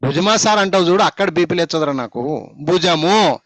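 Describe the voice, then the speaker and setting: Leading a phonics lesson, a Telugu-accented spoken English teacher quizzes his students rapidly and teases them with playful scolding. He speaks animatedly at a moderate pace, his fairly bright voice sitting high for a man, in a close, dry recording with no room sound.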